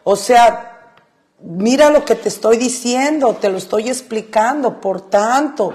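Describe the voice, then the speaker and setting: A woman's voice: fairly high pitch, unhurried, darkish tone. A woman co-hosting a faith-based marriage advice talk show, explaining Bible verses emphatically and repeating her points, with English fillers slipped into her speech. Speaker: radio co-host.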